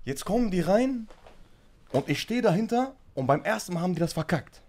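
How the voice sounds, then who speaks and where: A man telling a story in casual chat, animated and full of slang fillers. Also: high-pitched, a little fast. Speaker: guest telling a story on a stream.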